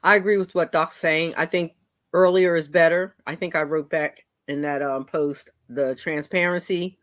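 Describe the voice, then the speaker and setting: Female co-host, slightly low voice, agreeable, hums along. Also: fairly even intonation, normal speed. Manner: warm, agreeable, lots of hums. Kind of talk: casual panel chat.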